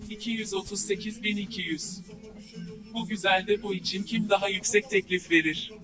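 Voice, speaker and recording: A brisk male auctioneer from a video game , voiced by a man, with a notably high voice. He rattles through formulaic, repeated bid calls as scripted lines, with clear music playing behind him. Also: steady tone, lightly acted, poor audio. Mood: brisk selling. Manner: formulaic, repetitive calling of bids.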